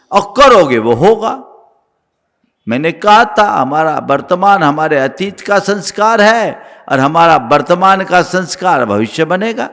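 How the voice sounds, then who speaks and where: A man preaching a sermon as a monk, emphatic, with rhythmic slogans and sudden drops to quiet. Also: high voice. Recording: long hall reverb.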